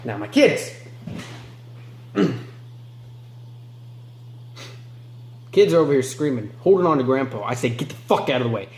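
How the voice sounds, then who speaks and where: A man's voice: sing-song, a little fast, echoey room, a little hiss or hum, close to an everyday voice. A man playing a remorseless chuckling killer. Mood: low, menacing. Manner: shifts from low mutters to sharp outbursts, chuckling. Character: remorseless male killer recounting his crimes. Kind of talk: amateur film monologue.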